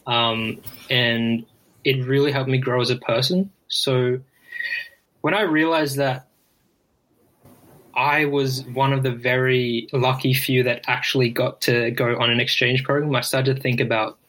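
Podcast guest: young man, reflective and halting in casual conversation. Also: medium pitch, fairly even intonation, a bit bright, rough recording. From Brisbane, Australia. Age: 20s. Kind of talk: casual interview chat.

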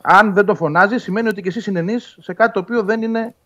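A man's voice: high voice, bright, forceful tone. A man arguing football calls in a casual sports talk, insistent and repeating his points. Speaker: football pundit.

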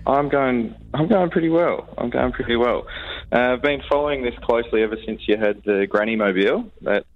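A man's voice: mid-range voice, brisk, highs cut off, soft background music. An Australian man calling in to a radio show, chatting casually and a little hesitantly. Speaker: phone-in caller. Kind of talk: casual chat.

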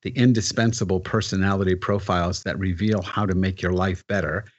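A man hosting an interview, asking measured, halting questions. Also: low-pitched, fairly even intonation, lo-fi sound. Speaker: radio interview host.

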